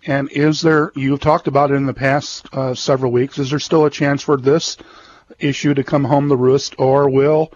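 A man's voice: mid-range voice, flat delivery, moderate pace, no echo. A man hosting a radio market interview, asking plain, conversational questions over a dull lo-fi AM radio sound. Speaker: radio host.

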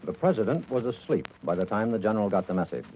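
A man's voice: fairly low pitch, big pitch swings, a little hiss or hum. Dull vintage recording, old newsreel-style male narrator. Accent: American. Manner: measured, formal, dramatic delivery. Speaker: news narrator. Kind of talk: scripted documentary news narration in the manner of an old newsreel.

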